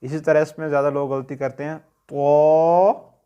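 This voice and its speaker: A man's voice: on the high side, flat delivery, unhurried, warm tone, clear, resonant tone, dull audio. A man with a Pakistani Urdu accent teaching a tajweed lesson, patiently asking questions and answering them himself. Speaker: Quran recitation teacher.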